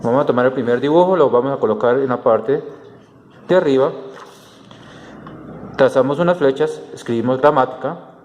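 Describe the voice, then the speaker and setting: A male teacher walks students through a lesson, pausing on fillers and restarting phrases as he explains. His voice rings in a roomy space with a long reverb tail. A faint hiss of background noise sits under it. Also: medium pitch, darkish tone, highs cut off. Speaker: Spanish teacher. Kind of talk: recorded class tutorial.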